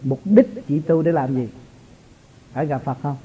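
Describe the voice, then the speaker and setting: A man's voice: a little high, normal speed, warm tone, slightly rough. A man, a spiritual teacher giving an informal, chatty talk to his followers and chuckling often. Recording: tinny lo-fi recording.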